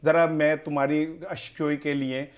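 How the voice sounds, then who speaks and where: A man's voice: a little high, level tone. A man giving heated political commentary as an analyst, speaking in an impassioned, rhetorical way and piling up questions.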